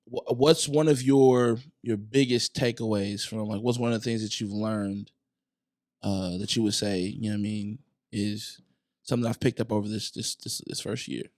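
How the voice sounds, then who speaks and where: A man's voice: lowish voice, steady tone, moderate pace, a little mellow, no echo, clean studio sound. A man hosting a podcast, asking rambling questions and laughing easily. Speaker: podcast host. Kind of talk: casual chat.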